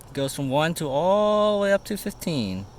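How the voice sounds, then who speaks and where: A man giving a casual product review in a halting, informal way, stumbling over words now and then. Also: fairly high pitch, very animated. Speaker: gear reviewer. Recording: noisy raw camera-mic audio with ambience.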